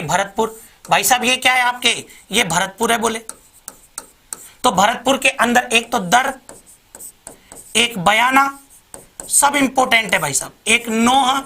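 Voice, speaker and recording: Lively male teacher drilling mnemonics. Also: very high voice. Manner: lively, repetitive drilling, addresses viewers as bhai sahab. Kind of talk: online exam-prep lesson with mnemonics.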